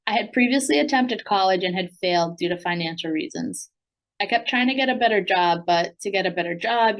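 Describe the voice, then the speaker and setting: An American woman with a medium-pitched voice reads a prepared speech at a graduation event, addressing new graduates as a program alumna and language coach. Her delivery is earnest and steady, though the audio quality is poor.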